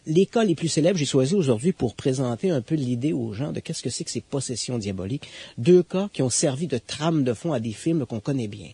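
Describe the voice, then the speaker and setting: A man, recounting an exorcism case in a conversational storytelling style, building suspense with emphatic pauses. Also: mid-range voice, lively intonation, warm tone, husky, no room sound. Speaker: guest expert.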